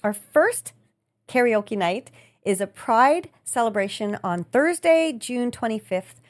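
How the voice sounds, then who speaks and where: A woman co-hosting a podcast, with a voice that swings widely up and down as she talks. She chats in a loose, animated way, laughing easily and jumping in on her partner's lines. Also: a little high. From Canada. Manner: animated, laughing, quick to chime in. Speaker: podcast co-host. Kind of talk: casual chat.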